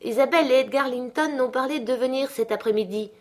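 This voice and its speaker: A woman voicing a haughty, quick-tempered young woman. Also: high-pitched, pitched above the performer's own voice, close to an everyday voice. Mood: coaxing. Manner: sharp, scornful, quick to anger. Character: headstrong, imperious young woman.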